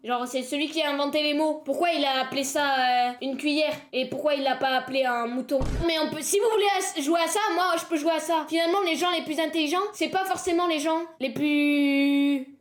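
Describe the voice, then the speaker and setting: A woman's voice: sits high, fairly even intonation, quick pace, hardly any pauses. A teenage woman with a southern French accent, chatting casually and jokingly on her livestream. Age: teens. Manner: chatty, jokey, self-mocking. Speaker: streamer. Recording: roomy echo with faint noise.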